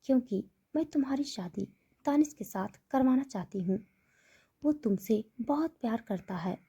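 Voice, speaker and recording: A woman's voice: a little high, animated, moderate pace, dark tone, husky, exaggerated voice. A woman voicing a stern, domineering wealthy mother who speaks in a firm, commanding way.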